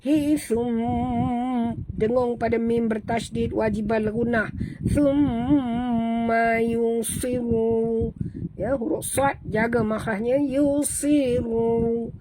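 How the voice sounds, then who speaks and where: Slow, methodical Malaysian woman teacher. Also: fairly high pitch, fairly even intonation, background noise. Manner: methodical, correcting pronunciation, chants verses in slow drawn-out tones. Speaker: Quran recitation teacher. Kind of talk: tajweed lesson.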